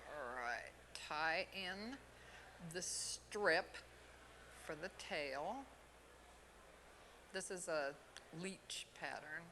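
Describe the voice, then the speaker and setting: A woman from Oregon giving an unhurried step-by-step fly tying demonstration at an expo. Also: low voice, expressive, bright, forceful tone, a little hiss or hum. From Oregon, USA. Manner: unhurried, plain instructional talk with pauses. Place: expo hall.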